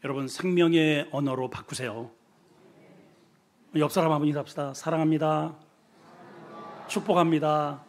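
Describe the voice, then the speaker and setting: A middle-aged male senior pastor preaching a sermon, animated and expressive, acting out quotes before easing into a soft, prayerful close. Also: fairly high pitch, moderate pace, long pauses.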